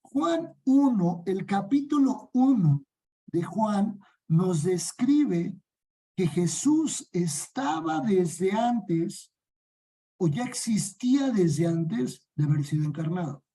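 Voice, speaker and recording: Leading a Bible study class, a discipleship teacher with a Mexican Spanish accent poses questions to the group and supplies the answers himself. He speaks slowly with lively intonation in a high-pitched voice that is very dark, mellow, and slightly husky, captured on a rough recording.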